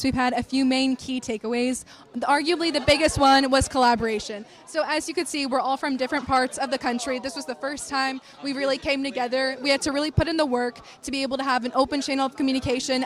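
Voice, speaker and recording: A woman's voice: high voice, steady tone, quick pace. A woman presenting as a student, earnest, listing her points with small restarts. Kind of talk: team presentation.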